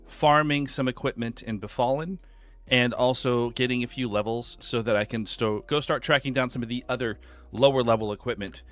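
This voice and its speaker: A talkative man streams a game from home and chats loosely with his viewers, greeting them by name as he goes. His voice sits at a middle pitch, and soft music plays under him. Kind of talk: casual live-stream chat.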